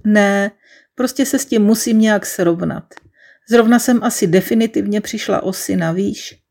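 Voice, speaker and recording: A woman's voice: mid-range voice, gravelly, a little mellow. Woman doing a tearful, sobbing young woman. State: sobbing, crying. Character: shy, tearful woman around thirty.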